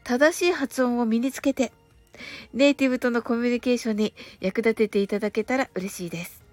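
A woman hosting a relaxed radio show, speaking politely and gently, slowing down for careful English phrases. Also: fairly high pitch, no room sound, soft background music. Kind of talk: relaxed scripted radio talk with English lessons.

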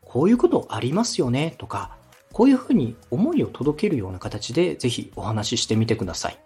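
This podcast host, a radio director, offers advice in a polite, encouraging, conversational style. His mid-range voice is very animated and brisk yet mellow, with a breathy edge, and faint music plays in the background.

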